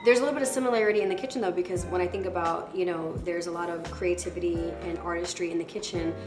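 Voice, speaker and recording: A woman's voice: on the low side, steady tone, rapid-fire. A woman hosting a casual cooking show, chatting bubbly and laughing often as she cooks. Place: home kitchen. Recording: roomy kitchen with music underneath.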